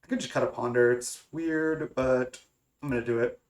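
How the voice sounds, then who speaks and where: Speaking at a normal speed in a mid-range voice, a young man who makes gaming content mulls over his card game decisions aloud. He sounds stuffy and congested, and his casual talk is hesitant, full of fillers and restarts.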